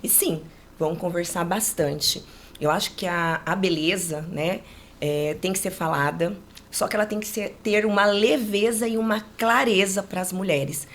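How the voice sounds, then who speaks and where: A woman in her late forties from rural Brazil, with a Brazilian accent, casually tells personal stories as an interview guest, often tacking on tags that seek agreement. Her voice is fairly low and she speaks at a normal speed.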